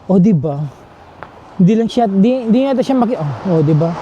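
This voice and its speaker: A man's voice: high voice, expressive, normal speed, mellow, highs cut off, a little hiss or hum. A man chatting casually to his camera as a travel vlogger while walking outdoor streets at night, exclamatory and joking. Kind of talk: casual walking vlog chat.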